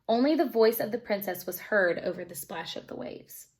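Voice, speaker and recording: The storybook reading comes from a woman teacher with a medium-pitched voice, moving at a moderate pace and giving the children's tale an expressive narration.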